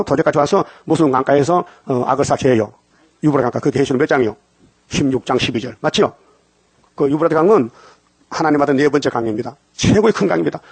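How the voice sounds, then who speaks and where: Preaching at dawn, this older man has a medium-pitched voice with a breathy edge, and the recording carries no room sound. He works in call-and-response fashion, posing questions to the congregation and then supplying the answers himself.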